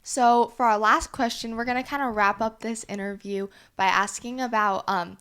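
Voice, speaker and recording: A woman's voice: a little high, fairly even intonation, normal speed, fairly bright tone, clean tone. A young woman hosting a casual interview podcast, asking questions steadily and laughing along. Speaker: podcast host.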